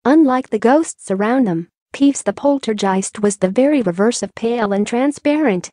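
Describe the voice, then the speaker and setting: Woman narrator, audiobook reading, fairly high voice, dry close sound. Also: moderate pace, no room sound. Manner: steady storytelling read.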